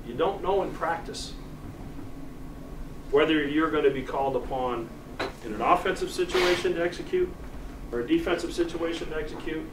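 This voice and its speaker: An American man, a college team coach, giving an earnest, deliberate pep speech to his players in the locker room, pausing for emphasis. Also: a little high. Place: locker room, heard from a distance. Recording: echoey distant room recording with loud noise.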